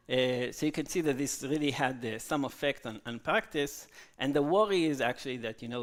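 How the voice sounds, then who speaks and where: A man giving a technical conference talk, halting with fillers and checking in with "okay?" after each point. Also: mid-range voice, a bit bright. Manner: frequent "okay?" tag questions, halting with fillers. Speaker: conference speaker. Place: conference hall.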